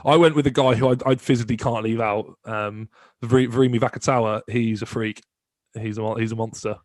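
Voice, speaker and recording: A man co-hosts a podcast in casual chat. He talks quickly and in a chatty way, often restarting his phrases. His voice sits at a middling pitch and is recorded dry and close. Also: steady tone, a little mellow, no room sound. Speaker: podcast co-host.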